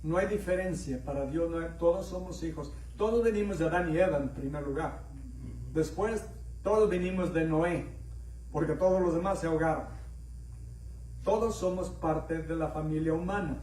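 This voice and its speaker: A middle-aged Mexican pastor, his voice a little high and a little mellow at a moderate pace, preaches a conversational sermon in a church sanctuary. He tells stories, questions the congregation, and acts out dialogue in raised voices, with a Mexican accent that's slightly mixed. The echoey room puts him far from the mic, with a little hiss or hum.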